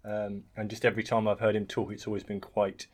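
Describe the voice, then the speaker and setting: A man's voice: lowish voice, completely flat delivery, brisk. A man co-hosting a podcast, chatting casually, with short reactions and hesitant, thoughtful answers. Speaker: podcast co-host. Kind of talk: casual chat.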